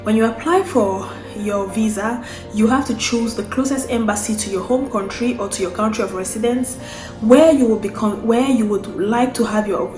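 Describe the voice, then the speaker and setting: A woman's voice: on the high side, darkish tone, reverberant. A young Cameroonian woman, a vlogger, explaining a process in casual unscripted talk, often restarting and repeating phrases as she goes.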